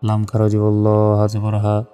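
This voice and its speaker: A man teaching Quran reading, methodically spelling out each syllable and then reciting the verses in slow, drawn-out phrases. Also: fairly low pitch, monotone, dark tone, clean tone. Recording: long reverb, faint background music.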